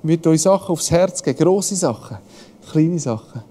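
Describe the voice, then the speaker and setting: A high-pitched man speaks as a pastor in a relaxed devotional style. He tells homely anecdotes, chuckles easily and acts out other people's lines. His voice trails into a long reverb. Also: normal speed. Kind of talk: casual devotional talk.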